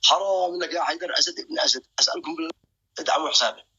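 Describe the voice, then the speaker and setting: A man's voice: a little high, very fast, bright, forceful tone, husky, highs cut off. A young man hosting a live stream. He jokes, boasts and keeps calling out to his viewers.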